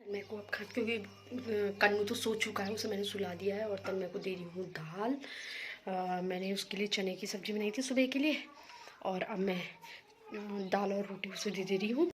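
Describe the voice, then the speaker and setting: A woman's voice: mid-range voice, fairly even intonation, normal speed, a little hiss or hum. A young woman filming a casual home vlog on her phone, chatting and rambling to viewers while she minds her children. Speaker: home vlogger and mother.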